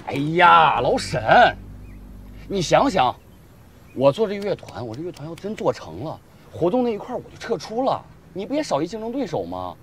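A man acting in a TV drama as a struggling music troupe founder, wheedling and animated. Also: high-pitched, a little fast, slight background noise. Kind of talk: TV drama dialogue.

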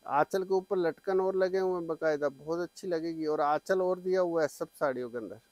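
A middle-aged man giving an eager teleshopping-style sales pitch, full of repeated assurances, as he presents products on a lapel mic. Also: fairly quick, a little mellow, no echo. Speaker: saree shop seller and presenter. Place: small saree shop, indoors. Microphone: clip-on lapel mic.

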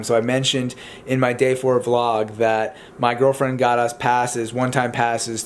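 Young man, medium pitch, casual vlogger, informal explanatory delivery, home recording, audible background noise. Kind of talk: casual vlog talk to camera. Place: indoors in a home living room.

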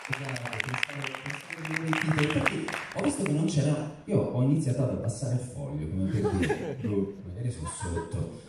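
A man's voice: mid-range voice, expressive, fairly quick, hardly any pauses, a loud crowd, heavy background noise. A young man chatting informally and self-deprecatingly on stage. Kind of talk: casual stage chat. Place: large theatre stage at a convention. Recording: echoey hall from far off, loud audience.

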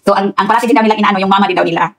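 In her home kitchen, a middle-aged Filipino woman rambles through a cooking vlog, talking straight to her viewers and laughing often. Her voice sits at a medium pitch with fairly even intonation, and she speaks very fast.

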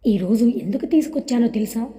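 A woman's voice: fairly high pitch, fairly quick, dark tone, natural voice. Tender lovesick young man, read by a woman. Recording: long hall reverb.

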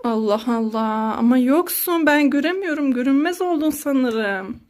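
Mom vlogger, 30s woman, high voice, theatrical exclaiming, playful skit. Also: expressive, unhurried, a little mellow. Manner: dramatic, exclaiming, sing-song fussing. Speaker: mother filming her child. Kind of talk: playful family skit vlog.

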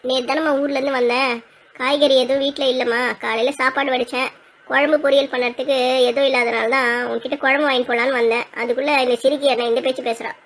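Shrill, rapid-fire old grandmother with a scolding, threatening manner, played by a woman. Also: little pitch movement. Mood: plaintive. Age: older. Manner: scolding, threatening, then tearful. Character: feisty quarrelsome old grandmother. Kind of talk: comic village skit acting.

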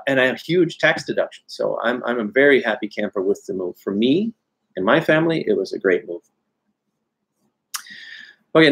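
A husky-voiced man of medium pitch chats to his webcam from a home study lined with bookshelves, in a video call framing. He is a newsletter host answering viewer questions in a casual live Q&A. His talk is candid and chatty, full of "uh" and restarts.

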